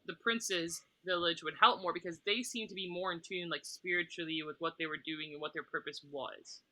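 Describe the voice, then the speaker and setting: A woman's voice: on the low side, fairly even intonation, normal speed, sharp tone, rough recording. A woman on a casual podcast, thoughtfully posing questions to her co-hosts. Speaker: podcast co-host. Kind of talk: casual chat about a film.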